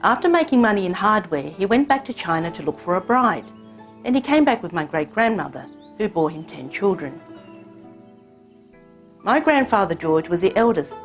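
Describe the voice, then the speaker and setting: Narrating her own short film, a woman who grew up in Hong Kong and speaks Cantonese as her first language tells her family's story in measured, reflective, scripted narration. Her voice sits at medium pitch with a sing-song lilt, and soft music plays in the background.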